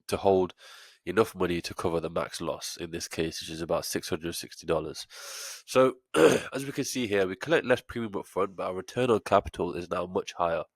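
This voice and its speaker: Stuffed up with a cold, a man teaches trading in a screen-share tutorial, breaking down an options trade one step at a time amid plenty of fillers. He has a low voice, and there's no echo.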